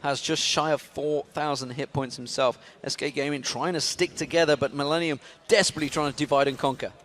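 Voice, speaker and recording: A man giving live play-by-play commentary on an esports match, excitable and climbing in pitch when the action picks up. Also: a little fast, slight background noise. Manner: excitable, rises sharply in pitch during action.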